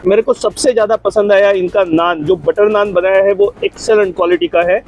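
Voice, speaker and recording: A middle-aged Indian food vlogger with a high, steady voice talks briskly and enthusiastically into a lapel mic at an open-air restaurant, blending Hindi and English. The audio sounds dull.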